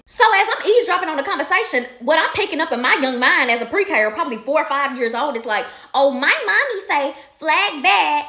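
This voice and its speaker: Fast, lively woman telling a story. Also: high voice. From Athens, Georgia. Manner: animated, slangy, playful asides. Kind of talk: comedic storytime. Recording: echoey room.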